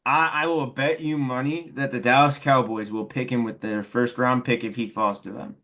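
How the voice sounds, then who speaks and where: A man's voice: medium pitch, fairly even intonation, normal speed, fairly bright tone. A man co-hosting a sports podcast, blunt and emphatic. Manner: blunt, emphatic, clipped statements. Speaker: podcast co-host. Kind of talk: casual sports chat.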